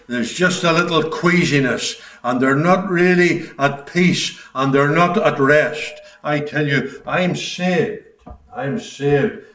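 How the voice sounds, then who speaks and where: A man preaching a sermon in a meeting hall, earnest, with a repeating preaching cadence. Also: a little high. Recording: echoey hall, distant mic.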